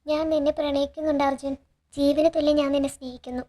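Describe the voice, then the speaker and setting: Woman reading joyful young woman in love, high, brisk. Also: flat delivery, mellow, close to an everyday voice. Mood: tender.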